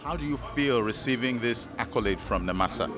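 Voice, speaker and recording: A man's voice: medium pitch, expressive, fairly quick, crowd noise. A man working as a casual event interviewer. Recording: music behind interview.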